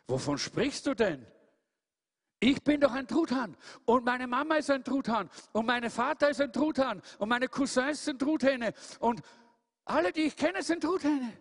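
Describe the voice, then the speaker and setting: A man doing a high yearning young turkey. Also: animated, normal speed, big-room sound. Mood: pleading. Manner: pleading, repeats himself. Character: restless young male turkey dreaming of flight.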